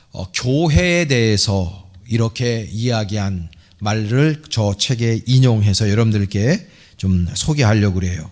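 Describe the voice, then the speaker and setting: A middle-aged man preaching a sermon as a church pastor. He opens with a few dry jokes and later reads a quoted passage slowly and solemnly. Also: medium pitch. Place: church sanctuary.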